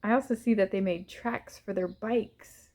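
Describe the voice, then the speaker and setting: In a medium-pitched voice, a woman gently leads a guided visualization in the first person. She is soft and unhurried, pausing between short phrases.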